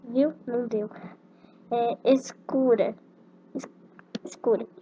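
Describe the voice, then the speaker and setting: Girl gamer, casual chatty commentary, slow and high, hissy low-quality recording. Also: fairly even intonation. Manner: gushing over cute animals, chatty. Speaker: gameplay narrator. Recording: dull lo-fi recording with loud noise.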